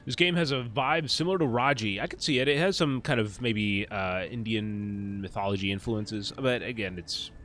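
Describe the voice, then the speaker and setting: A man's voice: on the low side, moderate pace, few pauses, fairly bright tone, a little hiss or hum. A man doing casual live commentary on a video game as a streamer, slangy and rambling.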